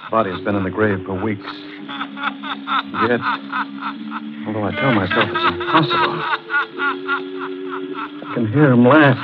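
Haunted judge in old radio play, slow, swoopy pitch, muffled w music. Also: male voice, wildly swooping pitch, creaky, heavy background noise, heavily acted. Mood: haunted, brooding. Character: haunted male judge, fearful and brooding. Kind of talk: old-time radio drama acting. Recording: dull vintage radio recording with music.

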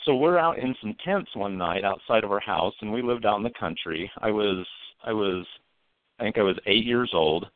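A man with a lowish voice tells his story in an earnest, unhurried way. The sound is dry and thin, like a phone line. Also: animated, dry recording. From American mountain country. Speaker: guest. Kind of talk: storytelling on a talk show.

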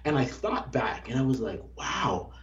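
A man's voice: medium pitch, sing-song, normal speed. A young man, a former Olympic runner, talking earnestly and reflectively in a casual interview, often restarting his sentences. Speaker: former Olympic track athlete, guest. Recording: dull lo-fi sound.

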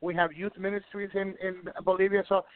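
A man's voice: high-pitched, flat delivery, brisk, clean tone. Man from Ecuador over a phone line. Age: middle-aged. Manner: rambling, repeats words, many restarts. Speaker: wrestling promoter and guest. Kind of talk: casual radio interview storytelling.

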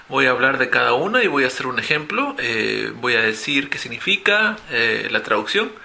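Bright upbeat teacher man. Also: medium pitch. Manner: upbeat, slowly spells out English phrases. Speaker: online English teacher. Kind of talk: audio language lesson.

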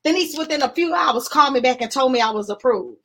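A woman's voice: sits high, expressive, quick pace. A woman sharing an emotional personal testimony, acting out both sides of her conversations as she tells the story.

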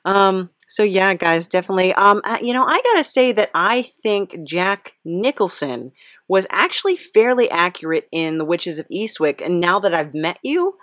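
A woman hosts a podcast interview in a casual, playful, rambling manner, often hesitant and giggly. Her medium-pitched voice is expressive and a bit bright at a normal speed, recorded dry with clean studio sound.

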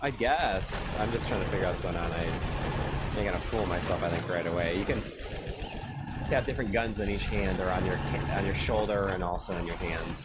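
A man's voice: sits low, fairly quick, heavy background noise. A man co-hosting a casual podcast while playing a game, mumbling and distracted. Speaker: podcast co-host.

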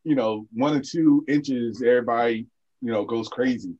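A man's voice: medium pitch, normal speed, darkish tone, dull audio. A man co-hosting a casual sports podcast, talking in a laid-back, rambling way full of "like" and "you know". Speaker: podcast co-host.

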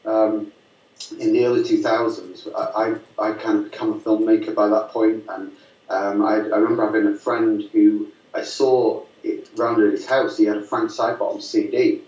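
Low-voiced man, distant roomy sound. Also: flat delivery, normal speed, darkish tone, lo-fi sound. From Lancashire, northwest England. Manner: rambling, many fillers and restarts, amused. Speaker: filmmaker guest. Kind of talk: casual storytelling interview.

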